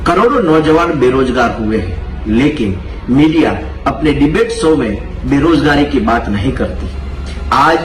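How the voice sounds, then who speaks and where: A man's voice: medium pitch, animated, unhurried, recorded from a distance. Emphatic male political spokesperson, echoey. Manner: emphatic, rhetorical. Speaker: party spokesperson. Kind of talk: political speech.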